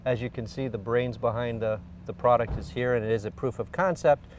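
A man's voice: medium pitch, steady tone, a little fast, distant mic, slight background noise. A middle-aged man, an engineering executive, explaining a product in an outdoor on-camera interview with frequent fillers. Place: outdoors beside a car. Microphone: lapel.

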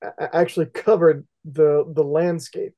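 A middle-aged man from West Central Indiana co-hosts a podcast, asking questions in a rambling, hesitant way full of fillers during a casual interview. His voice is a little high and warm, with fairly even intonation and an unhurried pace. He's on a headset over a video call, and the audio is dull and lo-fi.

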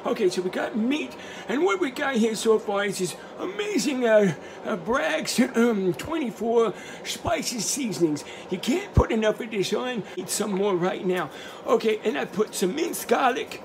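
A man's voice: very high-pitched, sing-song, measured pace, far from the mic, slight background noise, exaggerated voice, poor audio. A middle-aged man playing a silly, distracted old grandpa who cooks in his home kitchen and keeps stumbling over his words. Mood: goofy. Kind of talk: comedic cooking vlog. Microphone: handheld phone camera.

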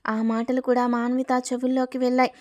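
A woman's voice: high-pitched, little pitch movement, fairly quick, a little mellow. A woman narrating a family story, reading every character's lines in her own voice. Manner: reads all dialogue in her own narrating voice; breaks off to ask viewers for likes.

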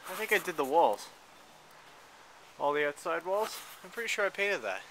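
A young adult man, a house painter who vlogs, chats casually to a camera he holds at arm's length outdoors around a wooden deck and yard, rambling and joking as he goes. His voice is a little high, very animated and fairly bright at a moderate pace, on a rough recording with slight background noise.

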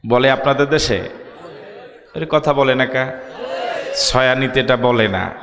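A man with a Bangladeshi Bengali accent preaches a sermon in a voice on the high side and a bit bright, with a big-room sound. He calls out questions to the crowd, jokes between points and chants Arabic verses.

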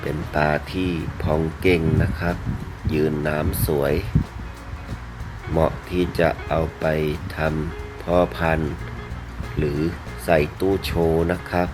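A man presenting items for sale in a video, speaking politely in short, halting phrases over music. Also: rumbling low, flat delivery, poor audio. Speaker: fish seller presenting betta fish for sale. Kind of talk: unhurried sales video narration. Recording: music playing behind the voice.

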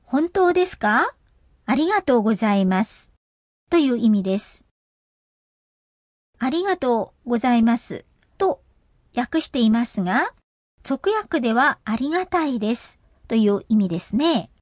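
A woman's voice: a little high, sing-song, moderate pace, long pauses, darkish tone, dry recording, clean studio sound. A woman teaching a radio language lesson, explaining pronunciation in a patient way.

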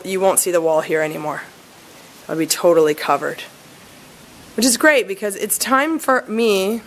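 A woman's voice: mid-range voice, slight background noise, poor audio. A woman in her forties, filming herself at arm's length with a phone in an outdoor garden, talking in a chatty, rambling way with lots of "like". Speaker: travel vlogger. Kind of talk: casual vlog walkthrough. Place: outdoor garden courtyard of a house. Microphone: phone camera at arm's length.

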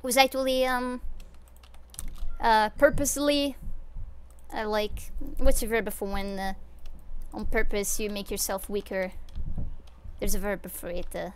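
A young woman from Switzerland, a streamer, talks casually over live gameplay from a room at home using a desk microphone. She is unhurried and pauses often, with a medium-pitched, steady voice, filling her rambling with fillers and little laughs. A little hiss or hum is audible.

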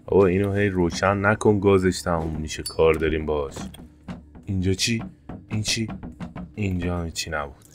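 A man commentating his gameplay casually, excitable, jumping to sudden high-pitched yelps. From Iran. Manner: excitable, jumps to high-pitched yelps when fires start. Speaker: gameplay streamer. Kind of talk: casual let's-play commentary.

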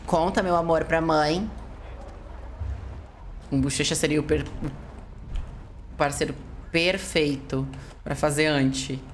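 A woman's voice: deep voice, fairly even intonation, slow, long pauses, a little hiss or hum. A young woman streaming a game role-play, chatting in a playful, theatrical, jokey way.

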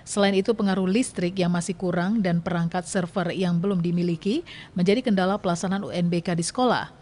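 A woman reading a news report as a voice-over, brisk and even in the manner of a newsreader. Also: lowish voice. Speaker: news narrator.

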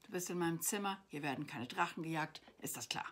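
A woman's voice: fast talker, slight background noise. A woman voicing a bold young boy in a storybook reading, firm and commanding. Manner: commanding shouts, then low firm scolding.

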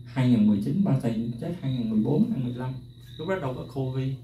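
A man's voice: mid-range voice, animated, very fast, dark tone. A middle-aged man, earnestly telling personal stories and addressing his viewers directly. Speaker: music teacher sharing personal stories. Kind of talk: emotional personal talk to viewers. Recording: roomy echo, distant mic, faint noise.

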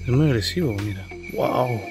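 A man filming a wildlife vlog at night in the jungle, talking excitedly and swearing constantly as he finds animals. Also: medium pitch, normal speed, music in the background. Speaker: wildlife explorer vlogger. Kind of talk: handheld outdoor vlog narration. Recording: loud insect noise outdoors. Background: insects and frogs chirping.

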